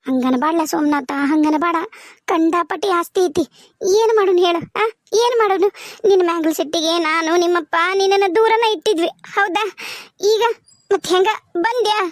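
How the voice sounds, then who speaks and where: A woman's voice: very high voice, dry recording, studio quality. A woman voicing a frail, fretting elderly village grandmother in a cartoon, with a North Karnataka Kannada accent. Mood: tearful. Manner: tearful, fretting, drawn-out speech. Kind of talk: cartoon voice acting.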